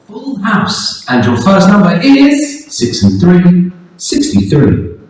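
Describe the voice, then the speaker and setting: A man's voice: high-pitched, wildly swooping pitch, takes it slowly, a little mellow. A man calling bingo numbers in a formal, sing-song pattern. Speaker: bingo caller. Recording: echoey venue PA from far off.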